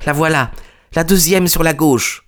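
A man plays a jittery young assistant in a storybook reading, his voice lifted high and thin. He pleads and frets, earnest and quick to apologize. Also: fairly bright tone. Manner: anxious, pleading. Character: young nervous male assistant. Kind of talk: audiobook character reading.

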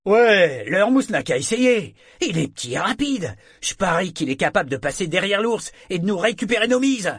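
A man's voice: sits high, very animated, normal speed, few pauses, fairly bright tone, slightly rough, no echo, studio quality, voice pushed up, exaggerated voice. A man voicing a rowdy, jeering sailor from another ship. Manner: jeering, eager.

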